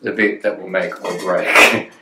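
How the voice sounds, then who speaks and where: A middle-aged man with a fairly low voice talks casually through a recipe as he cooks. The sound has a roomy echo from his home kitchen. Pots and cutlery clatter clearly around him. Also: steady tone, unhurried, heavy background noise. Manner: chatty, gives tips while working at the stove. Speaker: cooking show host. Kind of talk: casual cooking demonstration. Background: cutlery and pan clatter.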